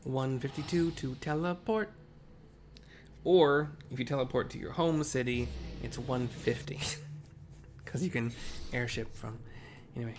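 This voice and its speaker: A man's voice: mid-range voice, measured pace, a little hiss or hum. A man casually narrating his way through a video game as he plays.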